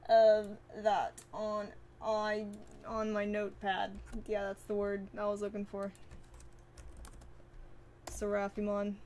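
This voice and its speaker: A woman streamer answers viewer comments in loose, casual chat. She sounds bubbly, swears freely and laughs a lot, with a mid-pitched voice over a faint hum behind her. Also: darkish tone.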